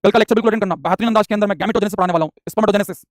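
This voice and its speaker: Male biology tutor, very fast, energetic drill-style lecturing, dry close mic. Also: high-pitched, no echo. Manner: energetic, repetitive drilling, calls students beta. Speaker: biology teacher. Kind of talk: live online exam-prep lecture.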